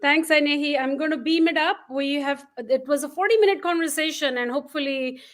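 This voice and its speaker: A woman's voice: high voice, brisk. A woman hosting a live-streamed online event, speaking with enthusiasm and many "uh" fillers over a video call. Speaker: event host.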